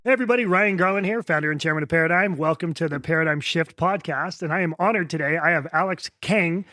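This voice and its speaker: A man's voice: fairly high pitch, quick pace, bright, forceful tone, soft background music. A man hosting a podcast interview, enthusiastic and rambling as he introduces and questions his guest. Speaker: podcast host.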